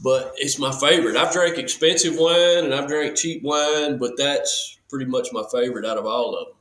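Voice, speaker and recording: A man in his forties, guesting on a podcast, chats casually in an echoey room with a mid-range, slightly bright voice at normal speed. His manner is easygoing and folksy, and he often restarts his sentences.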